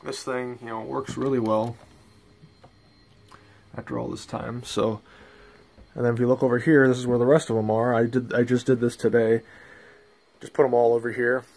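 Speaking in a mid-range voice with little pitch movement, this man keeps a moderate pace, pausing often, with some vocal fry and a slightly mellow quality. He's a hobbyist presenter showing off his things in an off-the-cuff vlog, shot on a handheld phone camera in a small bedroom.

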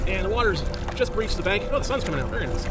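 A man narrating casually from his kayak on a flooded river, explaining paddling tips in a relaxed way, recorded outdoors on a boat-mounted action camera. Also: high-pitched, very fast. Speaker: kayaking vlogger. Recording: loud ambient music under the voice.

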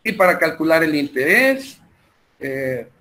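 A man speaks in a slightly high, sing-song voice, with slight background noise, and a Salvadoran Spanish accent. In his online math class he slowly walks through calculations and a spreadsheet step by step, using many fillers as he handles the numbers and software.

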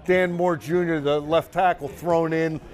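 Outdoors at a practice field, a team reporter in his sixties works through his analysis in relaxed sideline chat, conversational and dotted with dry humor. He speaks on the high side with a steady tone at a measured pace.

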